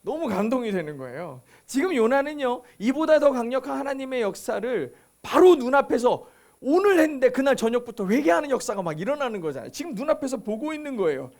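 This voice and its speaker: A man's voice: very high voice, lively intonation, fast talker, a little mellow. A male pastor preaching a sermon emphatically, with repeated lines and rhetorical questions.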